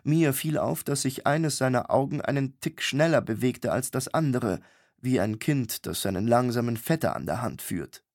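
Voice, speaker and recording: A man narrates a fantasy audiobook in a steady, measured voice of middle pitch. His delivery is even and unhurried, plainly scripted storytelling. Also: no echo, clean studio sound.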